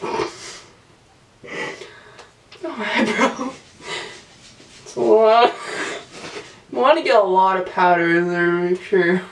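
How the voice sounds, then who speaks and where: A woman's voice: mid-range voice, fairly even intonation, slow pace, pauses often, distant mic. A young woman giving a playful mock makeup tutorial at home, laughing often. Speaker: friend doing the challenge. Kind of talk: casual vlog chat. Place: small room at home, indoors.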